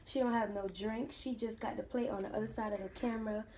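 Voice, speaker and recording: Young woman, mukbang vlogger, chatty, teasing, high voice, noisy home recording. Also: steady tone, quick pace, warm tone. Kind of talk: casual chat while eating.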